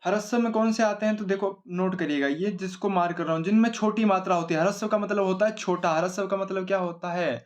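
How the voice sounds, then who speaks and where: Guy teaching grammar, kinda high voice, keeps asking is that clear then answers himself. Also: fairly even intonation, fast, few pauses. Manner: explains simply, repeats questions and answers them himself, asks 'है ना?' often. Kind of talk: exam-oriented whiteboard lesson.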